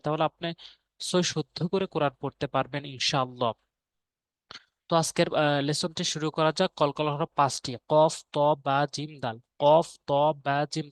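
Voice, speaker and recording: A man gives an online tajweed lesson in a fairly high voice, recorded dry and close at a computer desk. He addresses viewers as brothers and sisters and patiently says each letter sound again and again. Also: fairly bright tone, clear, resonant tone, dry recording. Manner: patient, repeats each sound example several times. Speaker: Quran recitation teacher.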